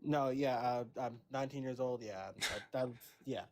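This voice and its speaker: A man's voice: mid-range voice, moderate pace, darkish tone. A man of nineteen calling in, hesitant and repeating himself as he makes his point. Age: young adult. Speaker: caller.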